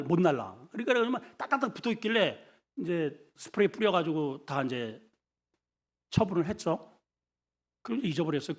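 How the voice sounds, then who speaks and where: Middle-aged man preaching, high, very lively voice, animated storyteller who leads call-and-repeat. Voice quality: mock shouts for comic voices. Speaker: senior pastor. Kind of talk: sermon.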